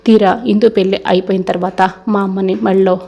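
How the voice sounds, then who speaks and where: A woman voicing a furious young man who threatens a rival, read in a flat, even tone. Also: mid-range voice, brisk, gravelly. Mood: angry. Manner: flat reading of shouted threats.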